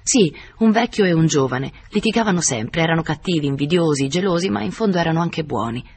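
A man's voice: a little high, lively intonation, brisk, darkish tone, slight background noise. A man reading as a humble old servant, deferential. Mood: earnest. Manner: deferential, plain-spoken. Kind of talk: audiobook character reading.

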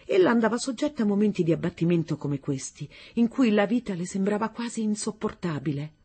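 A woman reads a literary story aloud in a measured, unhurried manner. Her voice is breathy and soft-edged, at a middling pitch. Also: expressive. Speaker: narrator. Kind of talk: literary audiobook narration.

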